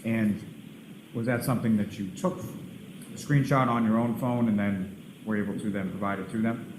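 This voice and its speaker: Halting male lawyer in echoey courtroom. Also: fairly low pitch, fairly even intonation. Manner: halting, wordy, formal. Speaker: prosecuting lawyer. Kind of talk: courtroom questioning. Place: large indoor courtroom. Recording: echoey, noisy courtroom feed.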